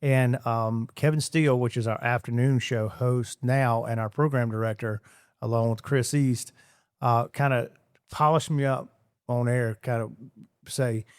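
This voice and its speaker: A male radio guest from Georgia in the US rambles through a casual interview chat, repeating words and using many fillers. His mid-range voice is a little mellow, and the studio recording is dry.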